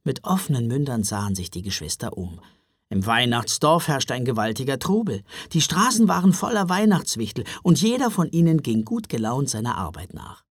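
Expressive storybook narrator, man. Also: mid-range voice, moderate pace, slightly rough, no room sound, studio quality. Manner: expressive, wide-ranging delivery.

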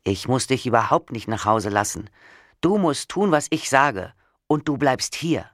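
A man voicing a domineering husband who speaks calmly and firmly with growing menace, in an audiobook reading. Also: mid-range voice, moderate pace, no echo, studio quality, lightly acted. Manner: calm, firm, growing menace. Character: cold domineering husband, calm then gloating.

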